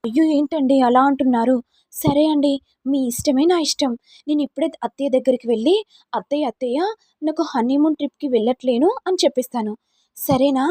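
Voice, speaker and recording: A woman's voice: sits high, brisk, dry recording, close to an everyday voice. A woman doing a meek dutiful young wife. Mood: pleading. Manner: soft, polite pleading.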